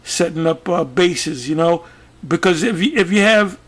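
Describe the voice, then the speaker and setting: A man with a somewhat high-pitched voice gives casual commentary while reading a news web page aloud. He speaks haltingly, with frequent fillers, false starts and repeated words. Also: lively intonation, fairly bright tone. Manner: halting, many fillers and restarts, talks through what is on screen. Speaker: religious video commentator.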